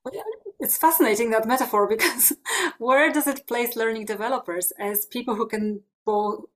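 A woman's voice: on the high side, normal speed. A woman hosting an academic podcast, asking questions in an appreciative way with small laughs between phrases. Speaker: podcast host and journal editor. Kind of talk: interview questions.

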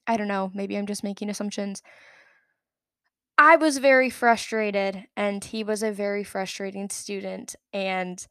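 A young woman talks through a story on her own podcast in a loose, chatty way, often stopping to correct herself. Her voice sits in a middle pitch. The recording is close and dry, with no room sound. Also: smooth, dry recording. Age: young adult. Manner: chatty, rambling, self-correcting. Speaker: podcast host. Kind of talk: casual solo podcast storytelling.

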